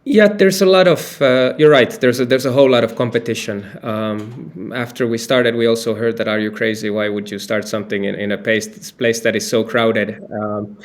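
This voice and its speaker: A man's voice: medium pitch, fairly even intonation, moderate pace, hardly any pauses. A man from Finland, a company founder giving loose, talkative answers in an interview, with many fillers and restarts. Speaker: company founder and CEO, guest.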